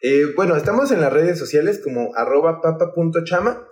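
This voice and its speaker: A man's voice: on the high side, lively intonation, brisk, a little mellow. Young man, Mexican accent, slangy casual chat, restarts a lot. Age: young adult. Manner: slangy, rambling, many restarts. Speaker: guest, hostel project leader.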